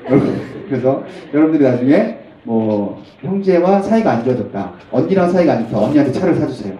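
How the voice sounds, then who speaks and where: A man preaching at a youth service, telling a family story with lively acted-out dialogue. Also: medium pitch, fast, reverberant, recorded from a distance, muffled recording. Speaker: pastor. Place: church hall.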